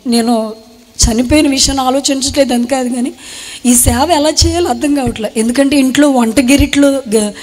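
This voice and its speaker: Young woman, kinda high voice, earnest halting testimony, long echo like a big hall. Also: darkish tone. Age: young adult. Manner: earnest, halting retelling in short phrases. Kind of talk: emotional spoken testimony.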